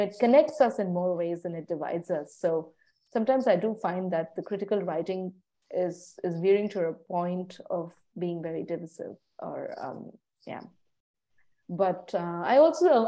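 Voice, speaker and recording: Reflective woman with a mellow voice. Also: on the low side. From India. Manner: reflective, measured, pauses to search for words. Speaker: interview guest, food writer. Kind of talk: conversational interview answers.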